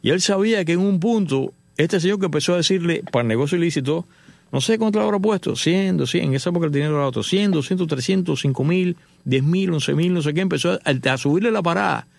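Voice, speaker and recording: A middle-aged man from Cuba, hosting and telling a story in an animated way, acting out the dialogue. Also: fairly high pitch, quick pace, gravelly, dry recording. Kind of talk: casual storytelling monologue.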